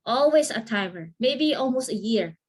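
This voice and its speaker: A woman's voice: on the high side, normal speed. Encouraging woman trainer on a video call. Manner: lively, encouraging, asks listeners to confirm. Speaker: trainer answering questions. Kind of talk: online training talk and Q&A.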